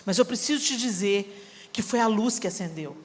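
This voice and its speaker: A middle-aged Brazilian woman preaching a sermon, telling a family story with animated acting and bursts of shouting. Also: medium pitch, moderate pace. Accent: Brazilian Portuguese. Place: church hall. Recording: reverberant hall, live sermon.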